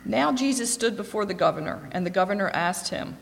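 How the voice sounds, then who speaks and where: A woman reading scripture aloud in a steady, clear voice. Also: medium pitch, brisk. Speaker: scripture reader. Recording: long echoing reverb.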